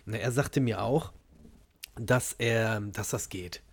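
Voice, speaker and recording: A man's voice: lowish voice, takes it slowly, creaky, breathy edge. A man hosting a podcast, talking casually and giving his blunt, dismissive opinions. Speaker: podcast host.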